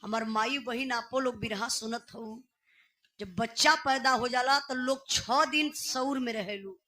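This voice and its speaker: A woman's voice: fairly high pitch, measured pace, bright, forceful tone. A woman with a Bhojpuri accent, singing and telling a folk ballad story in a dramatic, tearful way. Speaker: birha folk singer and storyteller. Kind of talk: sung and spoken folk ballad narration.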